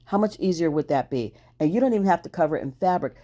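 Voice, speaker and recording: A woman's voice: lowish voice, animated, fast talker, mellow. A woman hosting a crafting video, chatting cheerfully through each step and laughing at her own struggles. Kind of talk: casual crafting voice-over.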